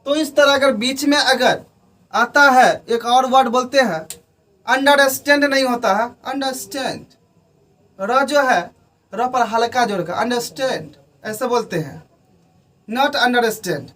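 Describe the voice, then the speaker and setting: A man teaches English pronunciation at a board, in an unhurried classroom manner. He speaks slowly with a very high voice and spells out words letter by letter. His voice is picked up from a distance, away from the mic. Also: a bit bright. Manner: slow, explanatory, spelling out letters one by one. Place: room with a board.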